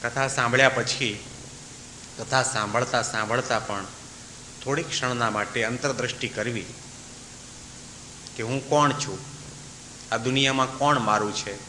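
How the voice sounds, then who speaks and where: A man's voice: mid-range voice, fairly even intonation, unhurried, pauses often, sharp tone. A man, a swami, giving a devotional sermon, telling a story and voicing its characters as he goes. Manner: acts out the dialogue of his story, breaks into sung verses. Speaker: swami giving a religious discourse. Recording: echoey hall with faint hiss.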